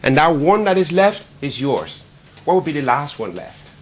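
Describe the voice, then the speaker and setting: A man from Liberia giving a charity presentation in a meeting room, animated and quizzing his audience. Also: a little high, normal speed. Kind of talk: speech to a networking event.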